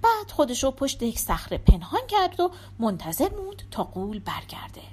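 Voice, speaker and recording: A woman's voice: sits high, wildly swooping pitch, a little mellow, breathy edge. A woman storyteller narrating a folk tale in a scripted, dramatic reading.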